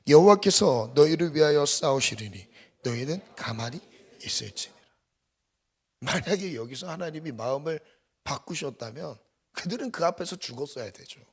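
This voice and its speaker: A man preaching a sermon as pastor, swinging from loud emphatic bursts to hushed near-whispers. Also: fairly high pitch, animated, normal speed, gravelly, slightly rough. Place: church sanctuary.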